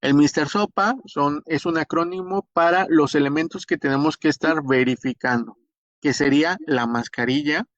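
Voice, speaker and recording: Somewhat high-voiced and fairly bright in tone, this man talks at a moderate pace as he lectures, walking through the material step by step. He has a Mexican Spanish accent and often hesitates and starts over. It's a dull, dry lo-fi recording with no room sound.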